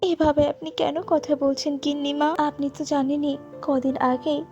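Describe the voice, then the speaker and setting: A poor young mother who works as a maid pleads gently in a high voice, as a woman narrator plays her. She sounds earnest and close to tears. The cartoon audio is dull and lo-fi, with faint music behind. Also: flat delivery, moderate pace. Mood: pleading. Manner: pleading, tearful. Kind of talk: cartoon voice acting.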